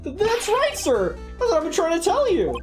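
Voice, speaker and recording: Woman putting on a squeaky, flustered young patrolman. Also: moderate pace, music in the background, full character voice. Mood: flustered, insistent. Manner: excitable, earnest. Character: flustered, eager young male patrolman protesting to his superiors. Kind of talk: amateur video game dub.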